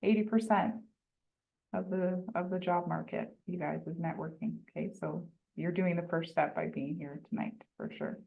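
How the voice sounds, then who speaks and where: A woman's voice: fairly low pitch, fairly even intonation, moderate pace, creaky. A woman hosting an online panel, affirming and encouraging, heard over a video call. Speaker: panel moderator. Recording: tinny narrowband video call audio.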